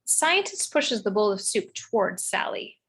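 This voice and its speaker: Husky woman narrating a script. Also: medium pitch, sing-song, measured pace, fairly bright tone. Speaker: narrator reading stage directions.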